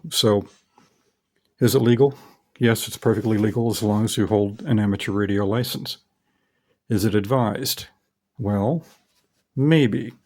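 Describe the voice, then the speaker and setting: In a low, slightly mellow voice, a middle-aged man demonstrates a hands-on hobby. His explanations come casually, in short, measured phrases.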